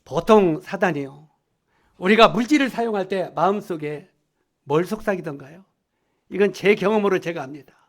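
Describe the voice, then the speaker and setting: A man preaching a sermon to a congregation as a lay preacher, emphatic, swinging from loud lines to near-whispers. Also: high-pitched, moderate pace.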